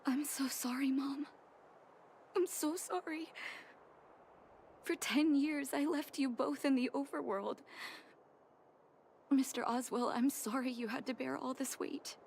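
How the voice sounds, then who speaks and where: A woman's voice: high-pitched, fairly even intonation, measured pace, gravelly, pauses often, darkish tone, slight background noise. A woman playing an earnest, emotional young doctor and devoted daughter in a drama, with a heartfelt manner. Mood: sorrowful, guilty. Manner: apologetic, heartfelt. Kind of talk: dramatic voice acting.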